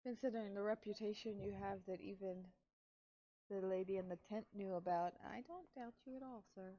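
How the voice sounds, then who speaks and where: A woman's voice: mid-range voice, fairly quick, dark tone, dull audio. A woman playing a tabletop role-playing game, talking casually as a player.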